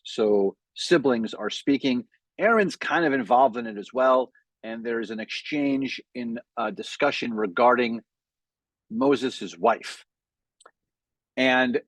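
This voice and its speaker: A man speaking as a rabbi in a relaxed, talky sermon, pausing often with fillers and starting phrases over. His voice sits at a middling pitch with a slightly husky edge. The recording is close and dry, with almost no room sound. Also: no echo. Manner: conversational, thinking aloud with frequent fillers and restarts. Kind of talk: weekly sermon message. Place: in front of a Hebrew sign, dry room.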